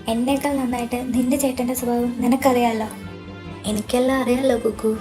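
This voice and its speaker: A woman's voice: fairly high pitch, mellow. A woman voicing the characters of an amateur audio drama, delivering the dialogue in an earnest, emotional way.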